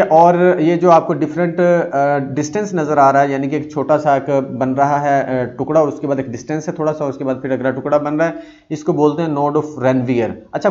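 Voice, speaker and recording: A man's voice: on the high side, a little mellow. A man teaching psychology, explaining a diagram step by step, repeating key terms, often checking "ठीक है?", and mixing read-out English definitions with his own explanation. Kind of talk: explaining a diagram in a recorded lecture. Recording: dull lo-fi lecture recording.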